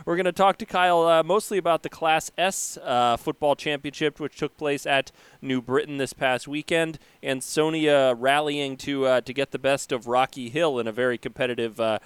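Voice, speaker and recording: A man's voice: fairly high pitch, fairly even intonation, normal speed, smooth, dry recording. A male podcast host in easygoing sports talk, often agreeing and filling with uhs. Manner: agreeable, lots of yeahs and uhs. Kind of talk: casual sports podcast chat.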